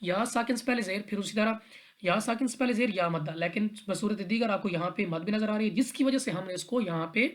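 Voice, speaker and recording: A woman's voice: medium pitch, fast. Patient woman teaching Quran recitation rules. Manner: patient, step-by-step, repeats rules and checks in with "theek hai". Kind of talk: tajweed lesson explaining recitation rules.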